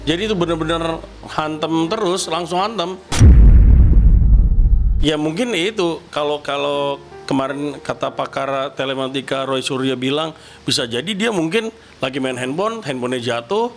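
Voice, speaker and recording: A man's voice: a little high, lively intonation, moderate pace, long pauses, a bit bright, faint music behind. A man commenting casually to the press, hesitant and speculative. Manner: hesitant, speculative, many fillers.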